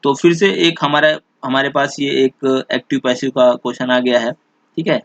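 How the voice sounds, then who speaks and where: A male teacher explaining English exam questions in Hindi, reading the example sentences out slowly and often checking back with "theek hai". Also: mid-range voice, steady tone, no room sound.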